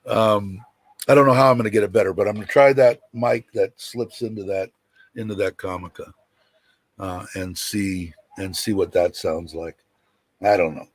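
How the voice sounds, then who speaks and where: Low rumbly guy hosting a livestream, rambles and trails off, dry close sound. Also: steady tone, moderate pace, dry recording. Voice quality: deep, rumbling. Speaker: host of a livestream show. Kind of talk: casual rambling livestream chat.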